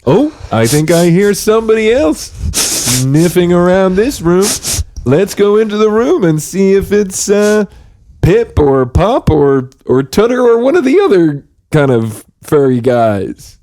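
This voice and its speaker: A man voicing a big, friendly cartoon bear who hosts a kids' show, in a slow, sing-song, soothing manner. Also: sits high, very animated, warm tone, no echo, studio quality, voice pushed up, heavily acted. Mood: cheery.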